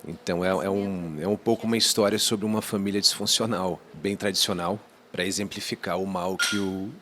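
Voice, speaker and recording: A man's voice: deep voice, steady tone, a little fast, noisy background. A male actor talking casually in an interview, often searching for words. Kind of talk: behind-the-scenes interview.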